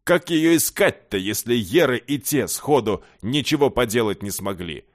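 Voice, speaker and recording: A man voicing a cheeky one-legged male beggar of about forty on crutches, who answers back loudly with mocking quips in an audiobook. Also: mid-range voice, animated, natural voice. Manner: loud, mocking, quick quips.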